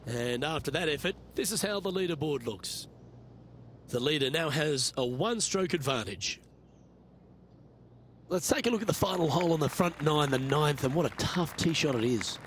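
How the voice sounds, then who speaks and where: A man giving measured, understated golf commentary as the play-by-play announcer. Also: a little high, expressive, fairly bright tone. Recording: crowd and outdoor noise behind voice. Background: crowd and outdoor ambience.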